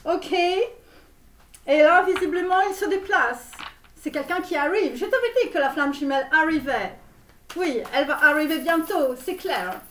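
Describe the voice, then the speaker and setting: A woman's voice: high voice, slight background noise. A woman playing a grandiose Romanian-born American tarot guru in a parody reading, with a put-on Romanian accent and English words thrown in. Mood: pompous. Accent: put-on Romanian accent in French. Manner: grandiose, sprinkles English words, drawn-out phrases. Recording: roomy echo, mic far off.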